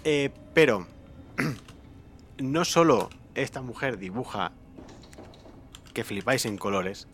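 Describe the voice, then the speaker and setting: A man's voice: medium pitch, takes it slowly, slight background noise. A man from Spain hosting a stream, chatting casually over a video call with many fillers and restarts. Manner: lively, hesitant with fillers and repeats. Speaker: stream host. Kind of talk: casual chat.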